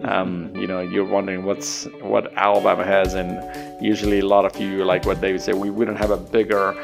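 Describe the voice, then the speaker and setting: A man from Nepal, hosting a casual podcast interview in a halting way, with many fillers and restarts. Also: low-pitched, completely flat delivery, vocal fry, over music. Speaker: podcast host.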